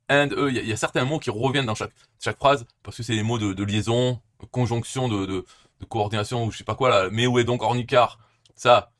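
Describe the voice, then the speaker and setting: A man talks through a software tool in a loose, off-the-cuff way, trailing into asides and half-finished sentences. His pitch sits in the middle range, and he jokes as he goes. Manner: rambling, joking, with many restarts and asides. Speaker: YouTube tech presenter. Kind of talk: casual screen-recorded tech commentary.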